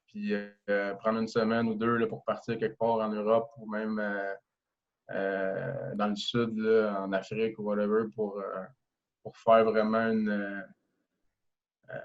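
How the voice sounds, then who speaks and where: A man in his thirties with a Québécois French accent, talking casually as a podcast guest, relaxed and hesitant with many fillers and restarts. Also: on the low side, lo-fi sound. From Quebec. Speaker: guest, professional hockey player.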